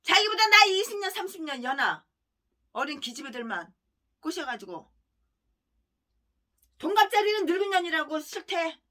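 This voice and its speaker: Shrill, vehement woman pastor ranting. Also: very animated, normal speed, pauses often. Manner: vehement, ranting, heavy name-calling, bursts of shouting. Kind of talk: fiery denunciatory sermon.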